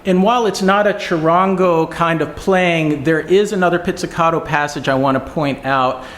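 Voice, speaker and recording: Man teaching viola in a roomy space. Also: a little high. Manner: relaxed, explanatory, pausing between phrases. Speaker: music teacher. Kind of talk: demonstrating viola technique. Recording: roomy echo, faint music.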